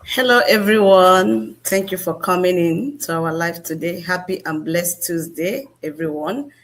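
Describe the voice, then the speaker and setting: Slightly low-voiced woman from Nigeria. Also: a little slow. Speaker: registered nurse. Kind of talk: formal self-introduction.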